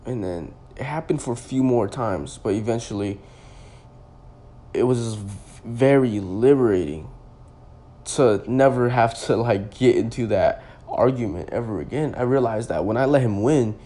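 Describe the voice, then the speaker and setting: A man's voice: medium pitch, normal speed, dark tone. A young man in his twenties, a podcast host, telling a personal story in a loose, rambling way full of "like" and restarts. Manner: rambling, heavy use of "like" and restarts.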